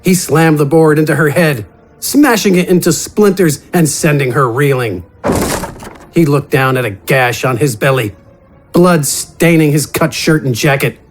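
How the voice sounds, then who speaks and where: This man's voice sits on the high side and moves a little slowly as he reads scripted fantasy adventure narration with dramatic flair. He is a narrator and voice actor, and music plays underneath.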